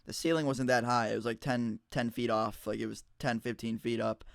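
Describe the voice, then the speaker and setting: A man's voice: mid-range voice, fairly even intonation, a little fast, vocal fry, no echo, clean studio sound. A teenage boy telling a school story to his viewers in a rambling, casual way with lots of fillers. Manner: rambling, chatty, frequent fillers and restarts. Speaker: YouTuber.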